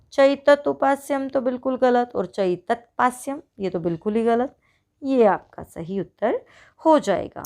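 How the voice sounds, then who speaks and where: A woman teacher going through a worksheet for her pupils, asking questions and answering them herself, and reading each example out slowly. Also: a little high. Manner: talks to pupils as children, asks and answers her own questions. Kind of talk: online worksheet walkthrough.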